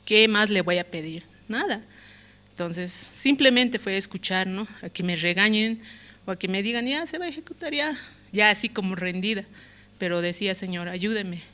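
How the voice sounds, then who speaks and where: A woman's voice: mid-range voice, moderate pace, pushed and bright. A woman with a Bolivian Spanish accent giving an emotional testimony in church, often adding "right?" to her phrases. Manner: emotional, tag questions "¿no?" often. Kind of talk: spoken testimony.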